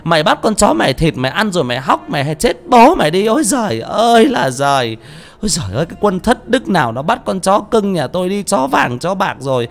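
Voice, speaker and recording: A man voicing a furious middle-aged village woman who shrieks and wails curses in a high, loud voice. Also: sing-song, brisk, creaky, heavily acted. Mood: shrieking fury. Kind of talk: audiobook character voice.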